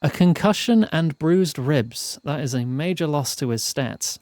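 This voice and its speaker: A man streaming a fantasy role-playing game, reading its text aloud in measured storytelling style and chatting between passages. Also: fairly high pitch, animated, a little mellow, a little hiss or hum.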